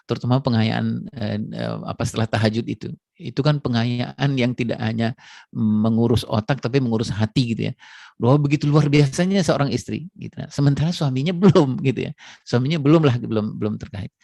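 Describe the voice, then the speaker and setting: A man's voice: mid-range voice, brisk, vocal fry, mellow, no room sound. A man giving a casual religious parenting talk, chatty and direct with his audience, with many fillers and repeated tag phrases. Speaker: parenting speaker.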